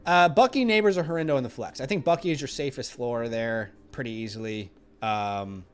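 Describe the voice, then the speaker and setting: Man hosting a chatty livestream. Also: mid-range voice. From Australia. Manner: rambling, animated, easily exasperated with viewers. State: losing his voice. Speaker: fantasy football host answering live chat questions. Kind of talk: casual livestream chat.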